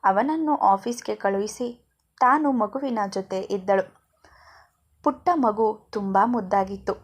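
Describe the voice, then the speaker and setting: Calm woman reading a story aloud. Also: medium pitch, measured pace, breathy edge. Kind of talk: scripted story narration.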